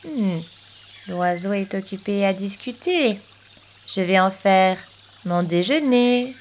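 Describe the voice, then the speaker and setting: Storybook: sly scheming cat, voiced by a woman, hushed and muttering. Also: mid-range voice, animated, slow pace, slight background noise.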